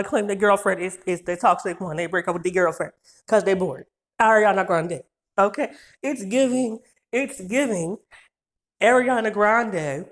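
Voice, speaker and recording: A woman in her twenties ranting through a casual storytime video, cursing freely, rambling, and laughing often. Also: mid-range voice. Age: 20s. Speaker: vlogger.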